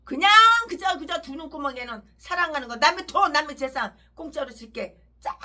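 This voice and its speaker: High, piercing woman preaching fiercely. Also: pushed and bright. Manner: harsh, abusive ranting with repeated emphasis. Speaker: pastor. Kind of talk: fiery sermon.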